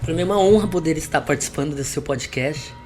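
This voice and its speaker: A musician and vocal coach from Salvador, Brazil, tells his story as a guest on a podcast, chatty and reflective, with light laughs here and there. His voice is a little high and he talks fast, with music playing underneath.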